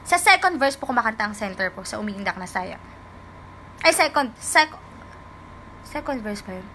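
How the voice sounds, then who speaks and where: A young woman from the Philippines talks in a casual livestream chat, polite and chatty as she reads out comments from fans. Her voice sits high, with a bright, crisp tone. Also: big pitch swings, normal speed, a little hiss or hum, low-quality recording.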